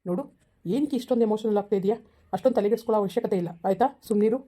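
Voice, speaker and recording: A patient head of the house, voiced by a woman, soothing and scolding in an amateur family skit. He rattles off his words at great speed. His voice is dark and mellow. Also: mid-range voice, racing, lightly acted. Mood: calming. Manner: soothing, scolding, repeats "aayta?". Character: stern calm husband of the house. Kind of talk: amateur family drama acting.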